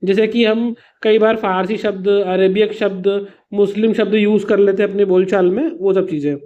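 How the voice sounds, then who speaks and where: A man with a high voice delivers his words flatly at normal speed, and the audio is narrow and tinny. In an exam revision lesson, he patiently explains using simple examples, calls his students "beta," and slips English words into his teaching.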